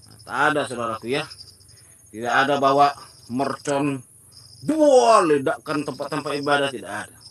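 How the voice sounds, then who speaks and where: A man's voice: on the high side, sharp tone. A male evangelist giving emphatic preaching commentary, often turning to his listeners as brothers and acting out mocking dialogues.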